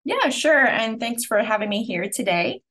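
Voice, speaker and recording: Earnest woman from Hong Kong. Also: a little high. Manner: steady, earnest storytelling with frequent "um" pauses. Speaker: podcast guest, clinic owner. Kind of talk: conversational interview answers.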